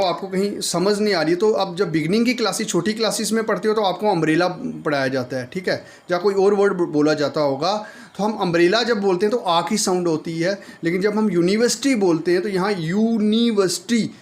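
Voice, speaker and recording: A man teaching a grammar lesson, explaining step by step and slowly repeating example words. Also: high-pitched.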